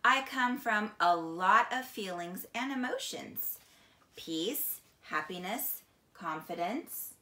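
With slight background noise in the echoey room, a middle-aged teacher reads a children's picture book aloud from her couch. She is unhurried and expressive, her crisp, bright voice pitched slightly low, and a camera a few feet away gives it a roomy sound in the small indoor space.

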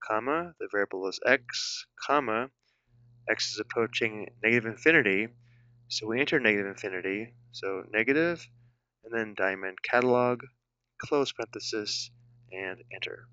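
A man's voice: on the low side, moderate pace, bright, forceful tone, clean tone, no room sound. A man giving a calculator tutorial as a math tutor, dictating entries piece by piece in short clipped phrases. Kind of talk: scripted-feeling step-by-step calculator tutorial. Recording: dull, band-limited screencast voice-over.

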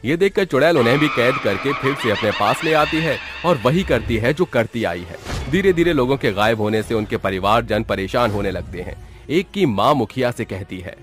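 A man's voice: medium pitch, music in the background. Man narrating a cartoon story. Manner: even, measured storytelling.

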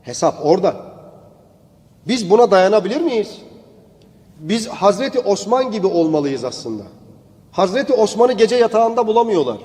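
A man's voice: high voice, a little mellow, big-room sound. A male preacher giving a sermon in a storytelling manner, rising into emphatic declaiming.

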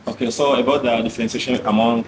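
Man, moderator, quick follow-ups, teasing, noisy room. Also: medium pitch, fairly even intonation. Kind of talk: moderating press questions.

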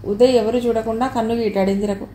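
A woman reading a novel aloud as an audiobook narrator, with a steady storytelling manner. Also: fairly high pitch, quick pace. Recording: echoey room with faint noise.

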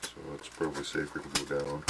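A middle-aged man with an extremely low voice talks through his workshop craft in a loose, rambling way. He trails off, restarts, and tags sentences with "eh". A steady hiss of noise sits under the camcorder audio. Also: a little fast. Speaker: hobby modeler. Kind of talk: casual workshop demo. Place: small indoor workshop. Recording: noisy home camcorder audio.

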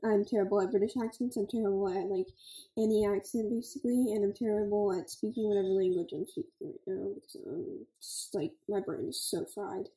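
Chatty woman with a dark, mellow tone. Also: mid-range voice, fairly even intonation, brisk, echoey room, low-quality recording. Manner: chatty, scattered, fillers like "like" and "okay". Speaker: gaming channel host. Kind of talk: casual gameplay commentary.

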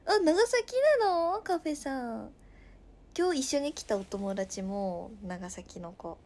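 Slow-paced and a little high, this Nagasaki woman in her twenties livestreams in her local dialect, reading out viewer comments. Her casual chat frequently sinks to a soft murmur.

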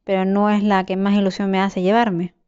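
A woman's voice: medium pitch, flat delivery, normal speed, darkish tone, clear, resonant tone, no room sound, dull audio. A young woman with a Spain Spanish accent giving casual gameplay commentary, chatting to herself and her viewers, with sudden shrieks and swearing. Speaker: gameplay streamer.

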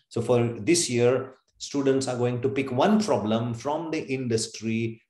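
A man's voice: medium pitch, a little mellow, roomy sound. A man, a business school professor, explaining earnestly over a video call webinar. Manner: earnest, explanatory, repeats himself. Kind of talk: webinar Q&A answer.

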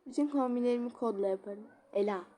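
A woman's voice: fairly high pitch, quick pace, mellow. A woman chatting casually while she plays a game, giggling often and reading chat messages aloud. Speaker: game streamer. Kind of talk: casual gameplay commentary.

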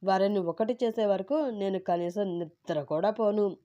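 A woman's voice: mid-range voice, unhurried, mellow, muffled recording, close to an everyday voice. A woman voicing a boastful, scheming older man in a storybook narration. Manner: boastful and blustering.

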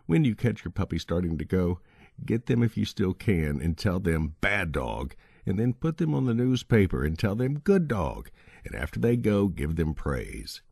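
A man with a very low, husky voice narrates a training guide in a steady, instructive way, and his pitch moves a great deal. The recording is dry and close. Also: normal speed, dry recording. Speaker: audiobook narrator. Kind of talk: scripted narration of a dog-training book.

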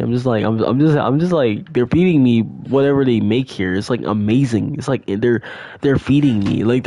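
Excitable young man narrating his game. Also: mid-range voice, no echo. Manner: excitable, rambling, repeats exclamations. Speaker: gaming channel host. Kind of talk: casual gameplay commentary.

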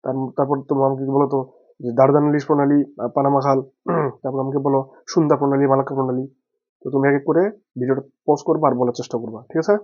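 A man's voice: medium pitch, level tone, fast. A man teaching a geography lesson for exam study from a map, asking questions and answering them himself. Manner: has the listener say names aloud. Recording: dull lo-fi recording.

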